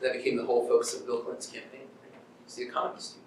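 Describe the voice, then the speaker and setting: A middle-aged man speaks at mid pitch in a monotone, very fast and a little mellow, delivering a casual, conversational university lecture where he acts out paraphrased quotes and checks in with listeners. He's in a university lecture room before an audience, caught on a distant mic in a very echoey space with background noise.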